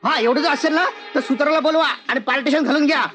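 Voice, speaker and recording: A man's voice: extremely high pitch, steady tone, fast talker, bright, forceful tone, soft background music. An actor playing a scheming young husband who mocks his in-laws in a taunting, sarcastic way, in a film scene. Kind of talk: film acting.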